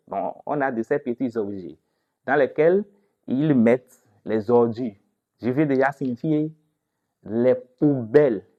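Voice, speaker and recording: Slow, drilling male language teacher. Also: medium pitch, darkish tone, dull audio. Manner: repeats each word slowly for drilling; asks the class questions, then answers them. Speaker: English teacher. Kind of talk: vocabulary lesson.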